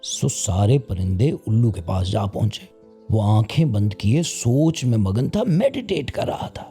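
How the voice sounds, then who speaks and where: A man narrating a children's story in an expressive, lively way, with a husky gravelly voice. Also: fairly low pitch.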